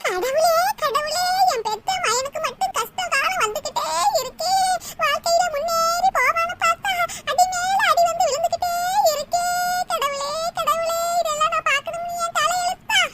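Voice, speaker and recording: A woman's voice: extremely high pitch, quick pace, a bit bright, faint music behind. A woman voicing a bitter old mother-in-law in a cartoon, wailing and taunting. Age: older. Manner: wailing laments and mocking taunts. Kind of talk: cartoon voice acting.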